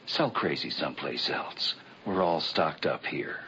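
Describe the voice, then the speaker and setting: Very deep voice, bright edge, a contemptuous commanding officer, dull film clip, faint noise. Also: male voice, animated, measured pace, exaggerated voice. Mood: scornful.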